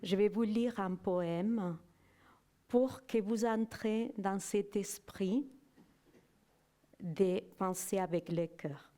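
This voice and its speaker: A middle-aged woman with a Spanish accent, a native Spanish speaker, giving a personal testimony to an audience, slow and hesitant, searching for her words. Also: medium pitch, dark tone. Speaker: guest speaker.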